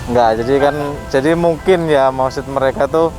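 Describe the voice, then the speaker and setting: A man's voice: mid-range voice, moderate pace. A man talking casually and informally as he explains car audio like an experienced hand. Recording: loud music under the talk.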